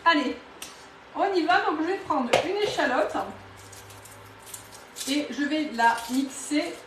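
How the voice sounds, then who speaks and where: A woman from near Toulouse in southwest France, with a regional accent, talks through a live cooking demo in her home kitchen. Her high, expressive voice is slow, chatty, and enthusiastic, full of fillers and restarts, captured roomily and a bit distant from the mic over a noisy background.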